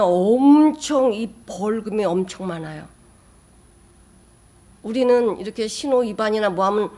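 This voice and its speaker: A woman pastor giving a sermon, who swings from loud emphatic bursts to soft, near-whispered asides. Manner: emphatic, with sudden rises in pitch and loudness.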